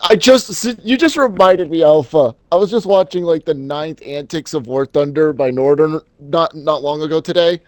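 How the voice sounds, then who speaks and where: A young man joins a streamer's call with rambling, giggly banter. His voice sits a bit high, and the sound is dry and close. He trails off and restarts as he chats. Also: moderate pace, hardly any pauses, no echo. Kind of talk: casual chat.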